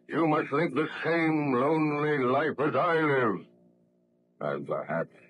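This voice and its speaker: A man's voice: lowish voice, fairly bright tone, exaggerated voice. An actor playing a lonely, vengeful man-made monster in a solemn, formal, pleading manner in a 1930s radio horror play. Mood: cold, vengeful. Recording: noisy old 1930s radio recording.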